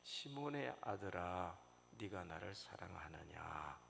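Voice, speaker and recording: Pastor doing a low hushed gentle teacher asking softly, gravelly, long church reverb. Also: male voice. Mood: tender. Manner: low, soft, slow and half-whispered. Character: calm gentle male teacher asking quietly. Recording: reverberant church hall, faint noise.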